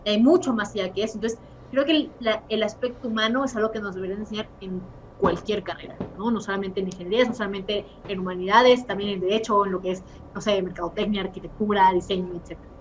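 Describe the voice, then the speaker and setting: A woman's voice: medium pitch, fairly even intonation, fast. A woman, a philosopher, speaking as a guest in a casual conversation, fluent and emphatic. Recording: dull sound, faint noise.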